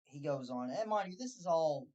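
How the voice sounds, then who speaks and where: A man's voice: fairly high pitch, normal speed, highs cut off. Sarcastic man telling scam stories. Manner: sarcastic, animated, mocking. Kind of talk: casual storytelling monologue.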